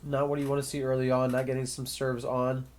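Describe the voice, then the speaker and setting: Brisk and completely flat in delivery, a young man with a mid-range voice sounds slightly nasal and stuffed up from a cold. As a sports commentator working alone, he casually calls the match play by play and thinks aloud between points.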